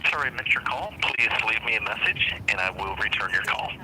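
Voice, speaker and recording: A man's voice: lowish voice, expressive, brisk. A man's recorded answering machine greeting, played back over a phone speaker, polite and scripted. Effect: recorded voicemail greeting over a phone speaker. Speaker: investigator. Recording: loud noisy phone-speaker playback.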